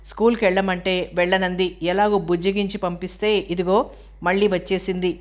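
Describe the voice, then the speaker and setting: A woman's voice: fairly low pitch, flat delivery, fairly quick, close to an everyday voice. A woman voicing a weary, irritable older sister in an audiobook reading of a novel. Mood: irritated.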